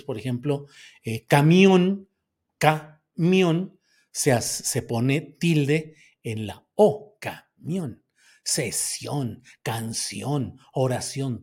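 Reading through viewer comments, a Mexican-accented man replies in a loose, chatty and sardonic style, dragging out words to stress them. The voice is medium-pitched and a little mellow, with a breathy edge.

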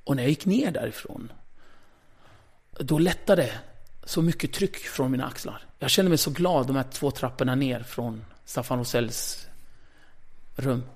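Creaky-voiced man telling a blunt story. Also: mid-range voice. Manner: lively, blunt, swears freely, acts out conversations. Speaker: interview guest, former radio host. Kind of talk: casual storytelling in an interview.

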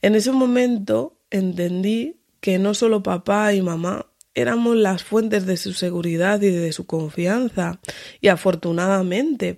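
As a podcast host, a woman with a middle-pitched voice tells a personal story. Her narration is animated, and she jumps to a higher voice whenever she acts out dialogue.

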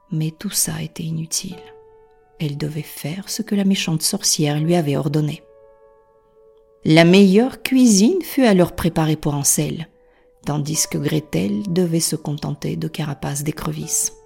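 A woman reading a fairy tale aloud in a soft, half-whispered narration. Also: sits low, moderate pace, vocal fry, soft background music. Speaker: storyteller.

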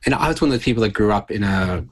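A middle-aged man from Canada talking casually as a podcast guest, halting and repeating words. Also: lowish voice, lively intonation. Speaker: podcast guest, naturopath and researcher. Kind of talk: casual interview storytelling.

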